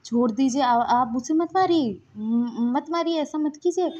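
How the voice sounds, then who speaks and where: A woman reading a fan story voices a timid young man, frightened and pleading. He stammers in a high voice. The recording is dull and lo-fi. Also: unhurried, warm tone. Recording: dull lo-fi sound.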